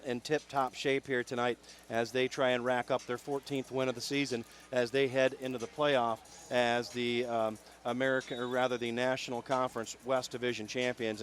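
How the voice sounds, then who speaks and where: A man gives radio color commentary in a middle-pitched voice, explaining plays and rules. He talks in an easy, explanatory way and fills pauses with frequent ums and uhs. A faint hiss sits under the voice.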